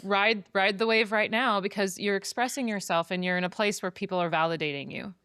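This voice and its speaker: A woman's voice: medium pitch, steady tone, brisk, fairly bright tone, clear, resonant tone, dry recording. A woman hosting a podcast, explaining ideas in a chatty way with many fillers. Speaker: podcast host. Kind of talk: casual conversation.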